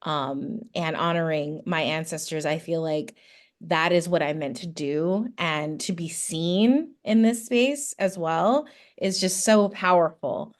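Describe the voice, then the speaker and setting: A woman guest on a podcast, a new yoga teacher, answering in a thoughtful, halting way with many ums. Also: low voice. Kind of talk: casual interview answers.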